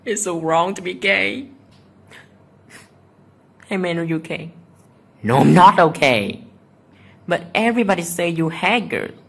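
A man's voice: sits high, fairly even intonation, moderate pace, gravelly, pauses often, a bit bright. A young man vlogging on a phone at home, sarcastically reading out comments and answering them in a mock-offended manner. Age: teenager or young adult. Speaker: YouTuber. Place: small room at home, indoors.

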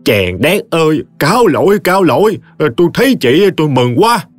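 A woman's voice: low-pitched, sing-song, normal speed, faint music behind, pitched above the performer's own voice. A man voicing a flustered, exclaiming old village woman.

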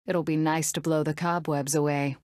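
A woman voicing a brave, sardonic young rebel princess in a video game, with a crisp, resolute and dryly sarcastic manner. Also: low-pitched, level tone, normal speed, a little mellow, dry recording, studio quality, natural voice. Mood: determined, dry.

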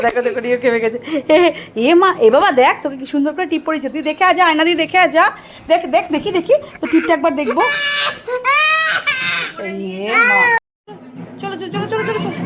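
A mother talks to her child at home in a very high, quick voice, coaxing him over and over in sing-song baby talk. A lot of loud background noise runs under the home video. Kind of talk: casual family vlog, soothing a crying child. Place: family home.

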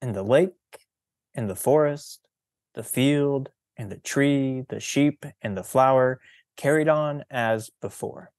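A man reading a picture book aloud during a presentation in a deliberate, teacherly storytelling manner. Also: medium pitch, darkish tone, dry recording, clean studio sound.

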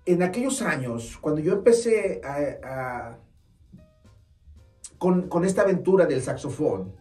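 Speaking in a mid-range voice with a dark tone, this man in his forties owns a music store and teaches saxophone; his accent is Mexican Spanish. Earnest and friendly, he talks informally to camera in a small shop studio, hesitating with fillers and restarting. The distant camera mic gives roomy sound with faint music.

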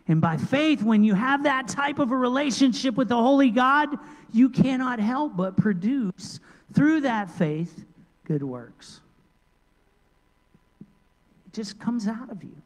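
High-voiced preaching man in reverberant church. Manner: lively preaching, jumps between loud emphasis and quiet asides. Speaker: pastor. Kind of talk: sermon. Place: large church sanctuary. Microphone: handheld microphone.

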